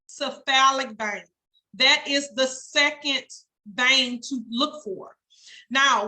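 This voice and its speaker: Woman, instructor, classroom lecture, high voice, casual, spells out words. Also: pushed and bright, poor audio. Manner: spells out terms, checks in with "okay?" often; casual, folksy teaching talk. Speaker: phlebotomy instructor.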